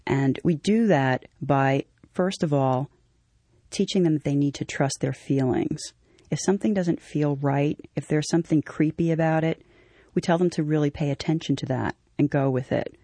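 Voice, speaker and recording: A woman's voice: sits low, normal speed, mellow, dry recording. A woman who directs a child safety program, answering interview questions in an earnest, explanatory way.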